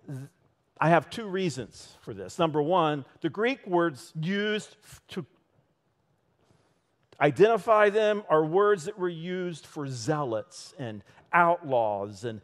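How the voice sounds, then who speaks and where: Animated slow-preaching man. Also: a little high. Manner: animated, rhetorical questions, acts out short voices. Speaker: church elder preaching. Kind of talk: sermon. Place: church.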